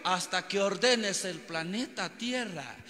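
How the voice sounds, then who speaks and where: A man's voice: high voice, animated, takes it slowly, pushed and bright, pitched below the performer's own voice, heavily acted. A man playing a stern, tired father who curtly refuses to let his son go out. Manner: curt, firm. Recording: long hall reverb.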